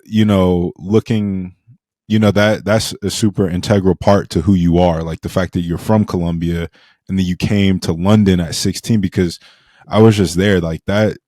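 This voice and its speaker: A man's voice: low-pitched, fairly even intonation, moderate pace, mellow, no echo, clean studio sound. A man hosting a podcast interview in a casual, slangy and enthusiastic way.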